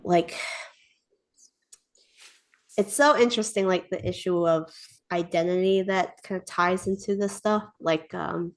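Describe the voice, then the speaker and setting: A woman's voice: fairly low pitch, unhurried, pauses often. A woman speaking casually and thoughtfully, with many "like"s and "um"s, raising a question in a group discussion. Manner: chatty, filler-heavy with frequent "like".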